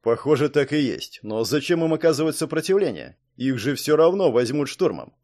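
A stern spymaster chief who weighs every word slowly, as a male reader voices him. Between his pauses, he snaps out curt orders in this audiobook. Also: fairly high pitch, big pitch swings, a little mellow. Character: man, head of watch service, stern and thoughtful.

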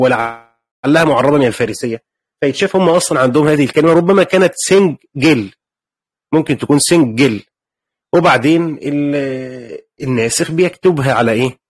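Husky fast-talking Egyptian male teacher. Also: medium pitch. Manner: conversational, asks the class questions and explains. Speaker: teacher commenting on a Quran commentary. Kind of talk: lecture.

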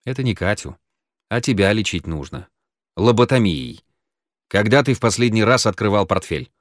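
A cool, sardonic man in an audiobook scene who questions others with dry mockery, as a male narrator puts him on. The voice sits low and unhurried. The recording is close and dry. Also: no room sound, natural voice. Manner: dry, calm, mocking.

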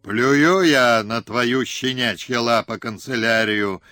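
A man's voice: a little slow, a bit bright, dry recording, studio quality. A man voicing a whiny, scheming Cossack colonel who stammers and talks through his nose, in an audiobook. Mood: hysterical. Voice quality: nasal, whining. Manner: shrill hysterical outbursts. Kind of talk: audiobook character reading.

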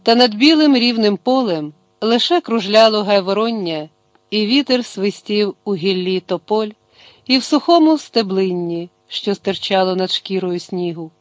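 A man reading a novel aloud as an audiobook in measured, expressive narration. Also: sits high, dry recording. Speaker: audiobook reader. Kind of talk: scripted narration.

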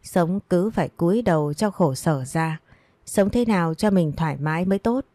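A woman's voice: on the low side, lively intonation, normal speed, warm tone, dry recording. A woman narrating a first-person family drama story, her retorts cutting and defiant.

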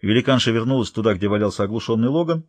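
A man narrating a story in the first person, measured and even. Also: fairly low pitch, no room sound. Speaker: audiobook narrator.

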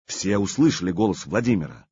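A man narrating an audiobook with a lively, dramatic reading. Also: deep voice, fairly quick, husky, no room sound, highs cut off.

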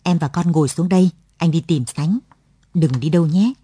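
A woman's voice: low-pitched, moderate pace, dark tone, slightly rough, dry recording, studio quality. A woman reading the part of an eager, half-blind male friend in a radio story, hearty and urging.

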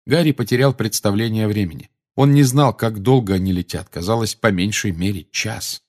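Man reading an audiobook, calm measured storytelling, lowish voice. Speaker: audiobook reader. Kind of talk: scripted narration.

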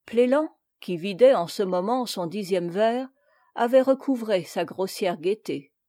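A woman narrating a classic tale as an audiobook reader, measured and even. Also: medium pitch, no room sound, studio quality. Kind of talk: scripted narration.

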